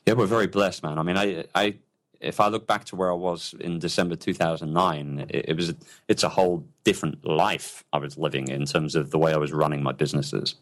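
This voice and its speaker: A man with a notably deep, low voice talks as an interview guest. He is enthusiastic and loose, circling back and restarting his sentences as he goes. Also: fairly even intonation, a little fast. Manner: enthusiastic, rambling with many restarts. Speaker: entrepreneur guest. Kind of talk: casual interview talk.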